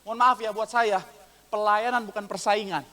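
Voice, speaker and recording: A high-pitched, bright male pastor preaching to his congregation with animated humor. His voice rings out through a reverberant church hall. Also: normal speed. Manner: animated, acts out voices in anecdotes, calls the congregation "saudara". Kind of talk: lively comedic sermon.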